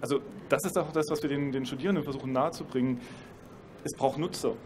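Speaking through a handheld mic, a male professor delivers lengthy explanations on a trade fair panel, adding ironic remarks in a dry tone. His mid-range voice is a little mellow with fairly even intonation and a fast pace, and a bit of hiss or hum is audible.

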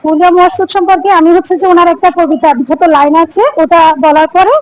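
A woman's voice: very high voice, fairly even intonation, very fast, no echo, poor audio. A woman from Mirsarai, Bangladesh, steadily retelling her exam interview, quoting the exchanges back and forth. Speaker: exam candidate interviewed after viva. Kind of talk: street interview, recounting.

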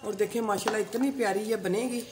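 A woman's voice: mid-range voice, steady tone, fast talker, noisy background. A middle-aged woman, the host's mother, cooking and chatting in a homely, affirming way in a home kitchen. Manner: homely, affirming, says "haan ji" often. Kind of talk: casual cooking chat. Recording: home kitchen with clear sizzling. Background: frying and stirring in a pot.

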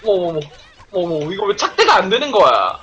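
A man chatters through a live game stream in a high, bright voice that leaps up and down constantly. He exclaims, teases and swears playfully. The audio is dull and lo-fi, with a faint hiss. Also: sing-song, fairly quick.

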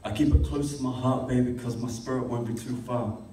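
A young man delivers spoken word poetry at an open mic, rhythmic and impassioned, his voice mellow and soft-edged. The sound comes from a camera across the room, so it carries a strong echo and a distant quality. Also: mid-range voice, fairly even intonation, a little fast. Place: classroom with a small audience. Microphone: stand mic, filmed by a far camera.

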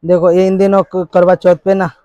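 A man in his thirties showing goods in a crowded shop, listing prices over and over in brisk salesman patter. His voice sits slightly high yet barely moves in pitch, with a dark, mellow tone. It comes through dry and dull, like a lo-fi phone recording. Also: level tone, dry recording. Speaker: wholesale shopkeeper. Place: crowded cosmetics shop, indoors.

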